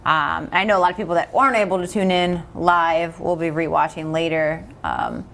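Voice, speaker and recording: A woman's voice: on the low side, very animated, normal speed, vocal fry, fairly bright tone. A woman hosting a livestream in a casual, chatty style, talking directly to the viewers. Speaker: livestream host.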